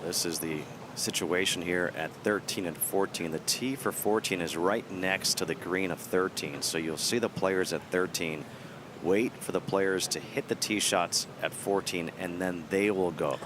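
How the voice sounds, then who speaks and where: A man's voice: deep voice, unhurried, background noise. A man hosting live golf coverage as a commentator.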